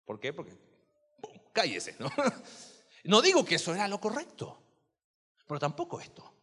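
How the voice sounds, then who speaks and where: A man's voice: high-pitched, wildly swooping pitch, moderate pace, fairly bright tone, slightly rough, big-room sound. A man preaching a sermon in a church, chatty and full of questions to the congregation. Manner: conversational, asks the congregation questions. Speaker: pastor.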